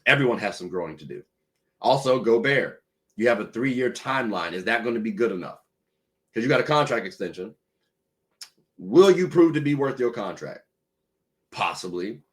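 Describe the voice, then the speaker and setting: A man hosting a podcast, giving casual, opinionated sports talk straight to his listeners. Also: fairly low pitch. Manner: conversational, opinionated, addresses listeners as ladies and gentlemen. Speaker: podcast host. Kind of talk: solo sports talk commentary.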